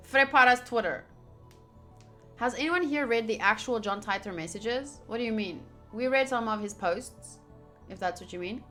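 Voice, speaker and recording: A woman streamer plays a visual novel, chatting with her viewers and reading the game's text aloud as live commentary. Her voice is a little high with a sharp tone, and game music plays behind her.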